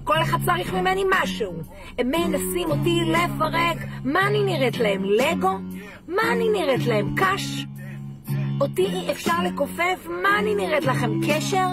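A woman playing a frazzled, fed-up mother of young kids in a comic song, firing off exasperated rhetorical questions. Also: sits high. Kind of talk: comic sung monologue over guitar. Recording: guitar music loud behind the voice.

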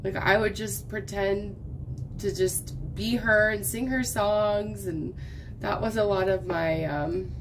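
She's a crafting vlogger in her thirties, talking slowly and steadily in a medium pitch while diamond painting at an indoor craft table. Her chat rambles from thought to thought, and she coughs as her lost voice recovers, against a noisy background.

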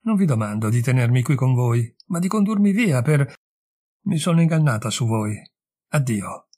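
A distraught young wife, pleading and insistent, her voice pitched high with strain, as a man reading the story puts her on. The tone stays husky and breathy. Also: big pitch swings, moderate pace, warm tone. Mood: resolute. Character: young distraught woman leaving her husband. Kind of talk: audiobook reading.

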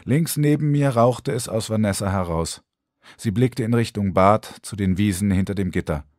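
A man narrating an audiobook in a lively, expressive storytelling manner. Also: lowish voice, normal speed, dry recording, studio quality. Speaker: audiobook reader.

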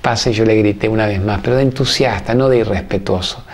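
A man's voice: on the low side, fast talker. A man with an Argentine accent hosting a show, giving an emphatic, preachy spiritual talk to viewers in strings of repeated phrases. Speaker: host.

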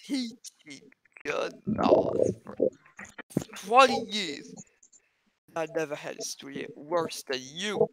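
A woman voicing an unhinged, menacing schoolteacher in an improvised game role-play, creaky and taunting with drawn-out threats. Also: low voice, animated, crowd noise, full character voice, low-quality recording. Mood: angry, menacing. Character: unhinged, menacing psychopathic schoolteacher hunting pupils.

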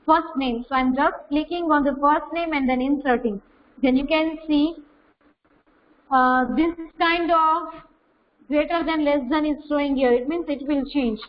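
High-pitched Indian woman teaching computer. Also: steady tone, unhurried, a little hiss or hum. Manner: mixes English with Hindi. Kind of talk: informal online lesson, step-by-step screen demonstration. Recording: dull lo-fi online class audio.

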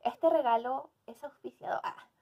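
A woman's voice: sits high, normal speed, vocal fry, breathy edge, dull audio. A young adult woman hosting a casual unboxing video, speaking with hesitant phrasing in a small indoor room. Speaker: video host.

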